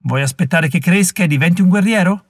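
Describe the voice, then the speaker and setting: A man's voice: sits high, fast talker, dry recording, studio quality, pitched above the performer's own voice. A man reading an audiobook voices an angry, vengeful male Mohawk warrior who speaks aggressively. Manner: aggressive, hot-headed.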